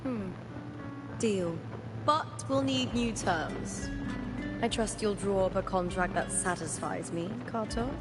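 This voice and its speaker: A woman's voice: mid-range voice, slow, close to an everyday voice. An actress playing a proud, confident woman fighter, cool and condescending. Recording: game audio under loud music.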